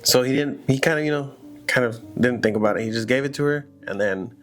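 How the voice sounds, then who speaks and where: A man's voice: mid-range voice, fairly quick, a bit bright, faint music behind. A man casually telling a horror story aloud, in a loose, rambling conversational way full of "you know" and "like".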